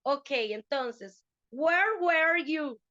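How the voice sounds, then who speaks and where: A woman's voice: high voice, animated, drawn-out words, bright, forceful tone, no echo, dull audio. A woman teaching an online English class to adults, patiently explaining and checking understanding.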